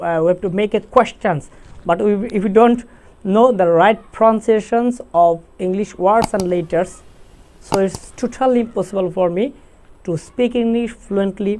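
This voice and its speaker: An English pronunciation teacher gives a lesson in Bengali, spelling letters out slowly and repeating each word several times. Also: medium pitch, a little mellow. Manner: spells out letters slowly, then asks and answers own questions.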